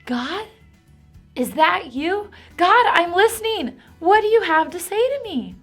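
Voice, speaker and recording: A woman's voice: high-pitched, sing-song, measured pace, sharp tone, soft background music, exaggerated voice. A woman voicing an eager, earnest little boy in a children's Bible story.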